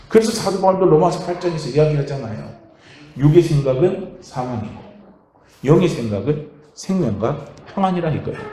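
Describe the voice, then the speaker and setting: Man, pastor, sermon, animated, echoey church hall. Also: a little high. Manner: animated preaching, swings from quiet to loud outbursts. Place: church sanctuary.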